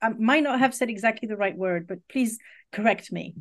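A woman's voice: a little high, brisk. A woman hosting a spirituality podcast, welcoming listeners and introducing her guest with some restarts. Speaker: podcast host. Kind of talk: podcast interview.

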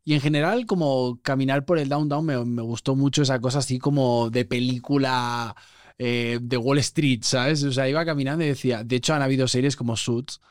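This man speaks with a smooth, resonant voice. He sits close to the microphone in a dry room, and he tells animated anecdotes as a guest in a casual podcast chat. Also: medium pitch, fairly quick, no echo. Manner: animated storyteller, acts out quoted voices.

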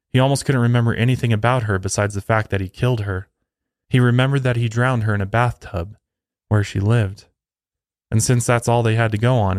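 A true crime podcast host narrates from a script, taking the story step by step. His fairly low voice has a darkish tone, and the recording is close and dry, with very little room sound and no echo.

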